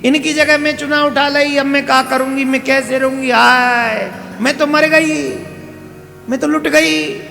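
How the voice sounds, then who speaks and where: Sobbing village wife, drawn-out lament, put on by a male storyteller; slow, faint music under it. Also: sits high, level tone, creaky, fairly bright tone, full character voice. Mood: wailing. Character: wailing grief-stricken village wife. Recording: reverberant hall with faint music.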